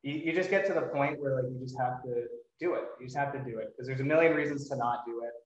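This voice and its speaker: A man's voice: mid-range voice, quick pace, slight background noise. Guy hosting a casual podcast chat, rambly and hesitant, really echoey room, far from mic. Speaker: podcast host. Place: indoors, in-person podcast recording. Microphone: microphone at some distance, no windscreen. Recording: echoey room, distant mic, dull sound.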